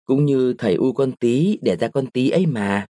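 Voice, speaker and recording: A man voicing a young widowed mother who speaks softly and sadly, and scolds now and then. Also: mid-range voice, lively intonation, moderate pace, no echo, clean studio sound, natural voice. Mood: sad gentle. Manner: soft, sad, sometimes sharp.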